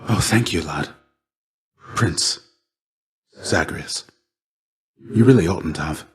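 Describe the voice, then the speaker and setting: In full character voice, a middle-aged man portrays a gentle, tired warrior shade and mentor from a video game, his deep, soft-edged tone touched by a breathy edge. He speaks with measured, courteous, old-fashioned formality, sounding warm and humble.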